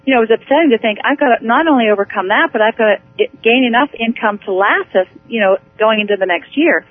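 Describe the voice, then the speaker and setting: An eager woman talks over a thin, phone-like line, her voice squeezed into a narrow band. She rambles with warm enthusiasm, restarting sentences as she goes. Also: on the high side, fast, a little hiss or hum. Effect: heard over the phone. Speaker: executive director, interview guest. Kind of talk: phone interview.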